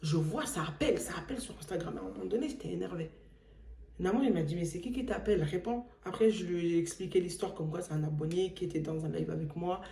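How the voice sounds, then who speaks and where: Woman, casual storytime vlog, animated, dark warm voice, echoey room. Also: on the low side, fast talker, vocal fry. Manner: animated, acts out the voices she quotes. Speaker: vlogger.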